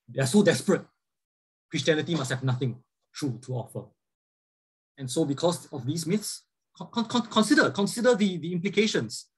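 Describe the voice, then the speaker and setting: A Bible teacher delivers a church lecture over slides in a fairly high, slightly breathy voice. Earnest in tone, he poses rhetorical questions to his listeners, uses frequent fillers, and keeps restarting his sentences.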